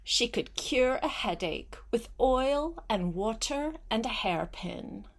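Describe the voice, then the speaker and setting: An older woman reading a storybook aloud as a grandmother, expressive and often turning to speak directly to a child. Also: a little high, slow pace, gravelly.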